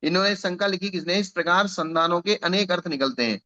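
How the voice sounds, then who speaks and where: A man's voice: sits high, a little fast, pushed and bright, highs cut off. A man teaching a scripture class, explaining patiently with examples and repetition.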